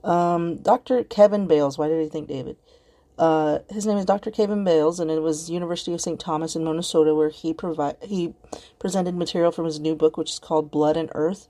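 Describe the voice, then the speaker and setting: A woman's voice: medium pitch, warm tone. A woman hosting her own podcast, talking alone in a rambling, heated way, swearing often and getting worked up. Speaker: podcast host. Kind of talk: casual emotional monologue.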